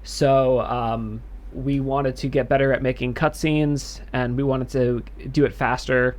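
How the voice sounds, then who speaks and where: A man's voice: medium pitch, level tone, measured pace, darkish tone. Man explaining game development thoughtfully. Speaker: game developer answering questions. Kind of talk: livestream Q&A.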